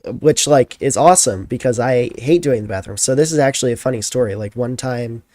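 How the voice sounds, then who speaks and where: A man's voice: mid-range voice, fairly quick, darkish tone, no echo. A tired young man chatting casually as a streamer, telling a rambling story full of fillers.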